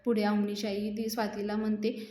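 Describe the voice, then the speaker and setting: A woman's voice: medium pitch, monotone, brisk, warm tone, slight background noise. A woman reviewer retelling a TV serial episode in a chatty storytelling way with fillers. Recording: echoey room.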